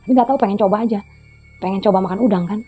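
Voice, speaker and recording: With a mid-range, dark-toned voice, a vlogger in her fifties races through a casual story, rambling and chatty and repeatedly mentioning who said what. The audio is a bit dull and lo-fi, with faint background music.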